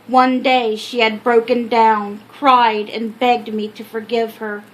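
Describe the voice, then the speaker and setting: An older woman with an American accent reading her own memoir aloud as an expressive storyteller. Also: on the high side, slow pace, low-quality recording. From Minnesota, United States. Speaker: author telling her life story. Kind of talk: scripted memoir narration.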